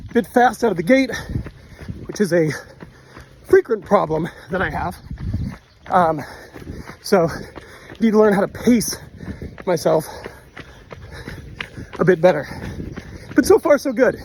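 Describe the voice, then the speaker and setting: A man's voice: high voice, slight background noise, poor audio. A man talking casually to a handheld phone while running outdoors on a trail, vlog style, sounding effortful. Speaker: running vlogger. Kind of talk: casual vlog talk to camera.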